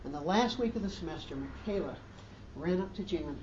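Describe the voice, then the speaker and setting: A man's voice: a little high, expressive, brisk, a little mellow, lo-fi sound, slight background noise. A man preaching a sermon as pastor, in an earnest way, with emphatic rising questions, recorded from a distance in a church hall.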